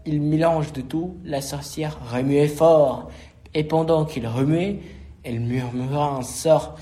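A man reading a rhymed children's storybook aloud, slow and expressive. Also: fairly high pitch.

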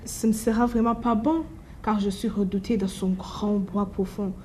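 A woman voicing a small, clever, bold female mouse in a storybook reading, lively and high. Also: moderate pace, slight background noise, natural voice. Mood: confident.

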